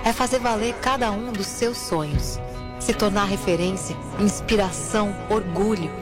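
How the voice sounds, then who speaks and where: A woman reading a scripted ad in an inspiring tone. Her pitch is medium, with a clear music bed behind her. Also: moderate pace. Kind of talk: scripted ad voice-over.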